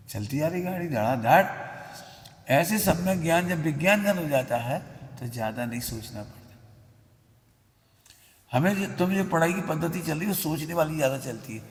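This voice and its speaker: A man delivers a sermon in a slightly raised voice, blunt and emphatic, scolding the people in front of him. His words ring out in a temple hall with a long, trailing reverb. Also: a little high. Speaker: religious teacher.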